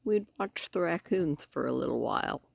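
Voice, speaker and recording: A woman chatting casually in a vlog, with a slight lisp and careful, halting speech as she talks around newly fitted false teeth. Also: low-pitched, animated, creaky, husky. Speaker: vlogger giving a personal update.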